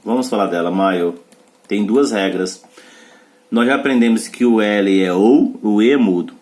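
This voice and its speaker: Teacher, low-pitched male voice. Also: moderate pace, a little mellow. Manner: explains rules step by step, checks understanding with short tags. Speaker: English teacher. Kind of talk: pronunciation lesson.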